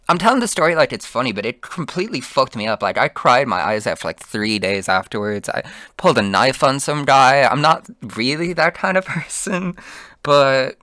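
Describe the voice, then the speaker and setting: Young dude rambling a story, swears a ton, bright dry voice. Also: male voice, medium pitch, no echo. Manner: rambling, heavy swearing and fillers. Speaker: vlogger. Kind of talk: casual storytelling.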